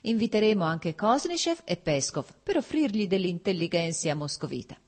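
A woman's voice: fairly low pitch, sing-song, normal speed, darkish tone, slightly rough. Woman doing a hearty, effusive nobleman. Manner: effusive, insistent. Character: cheerful, hearty middle-aged nobleman.

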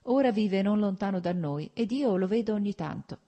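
A woman narrator gives voice to a calm, gentle young woman with a mild, tired kindness. She speaks plainly and evenly, a little higher than the narration, with a husky, mellow tone. Read as an audiobook. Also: normal speed.

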